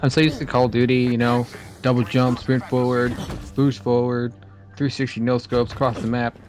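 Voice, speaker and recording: A man's voice: mid-range voice, flat delivery, moderate pace, darkish tone. Man griping through a co-op game. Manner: joking, complaining banter. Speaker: gamer. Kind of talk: casual co-op gaming chat.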